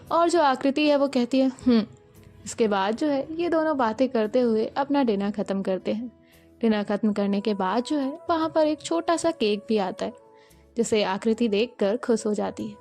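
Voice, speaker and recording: A woman's voice: on the high side, normal speed, darkish tone, faint music behind. A woman narrating a romance story and reading both characters' dialogue herself in her own voice. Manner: reads every line with plain narration and quoted dialogue in the same voice.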